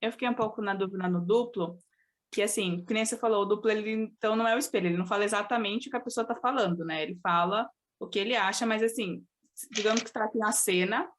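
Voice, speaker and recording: A woman's voice: mid-range voice, a bit bright. A Brazilian woman student asking a question in a study group, thinking aloud in hesitant phrasing. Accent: Brazilian Portuguese.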